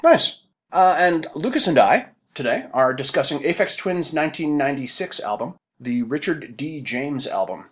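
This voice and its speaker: A man in his thirties hosting a podcast, reading a wry, essay-like monologue in a measured way. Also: a little high, lively intonation, fairly bright tone. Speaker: podcast host. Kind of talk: podcast talk with a written monologue.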